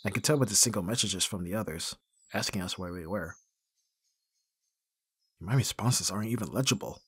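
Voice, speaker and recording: A man with a lowish, slightly bright, breathy voice speaks at a moderate pace with no echo. Acting as an awkward, flustered young best friend in intimate one-sided ASMR roleplay, he hesitates, sighs, and stammers, sounding puzzled as he works things out.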